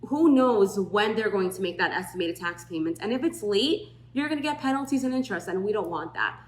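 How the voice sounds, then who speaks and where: A woman's voice: medium pitch, animated, a little fast. A woman who runs a tax firm, chatting on a podcast and telling stories, acting out the people she quotes. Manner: chatty storytelling, acts out quoted voices. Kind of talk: podcast talk. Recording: roomy echo.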